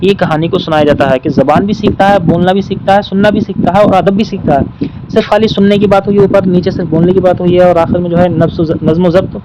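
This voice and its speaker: A man's voice: sits high, fairly even intonation, highs cut off, heavy background noise. A man teaching an exam-prep lesson, working through questions and patiently repeating the key points.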